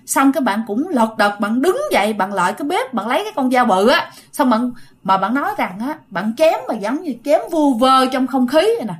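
This woman's high-pitched voice has lively intonation and a fairly quick pace. She's telling a ghost story casually in a Southern Vietnamese accent, chatting straight to her audience and acting out the shouted lines.

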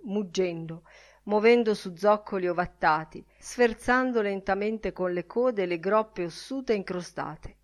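A woman narrating a literary audiobook in a calm, varied reading. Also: mid-range voice.

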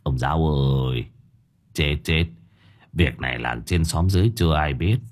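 Brief: man doing a husky, rustic old vendor, coarse and fretful, low rumbling voice. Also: sing-song, unhurried, exaggerated voice. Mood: hushed pleading. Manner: whining, lamenting, cursing coarsely.

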